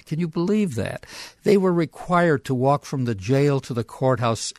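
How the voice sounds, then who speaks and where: Halting older male author, dry studio sound. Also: mid-range voice, animated, no echo. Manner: halting, full of fillers and restarts, emphatic at points. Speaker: author guest. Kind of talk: radio interview. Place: radio studio.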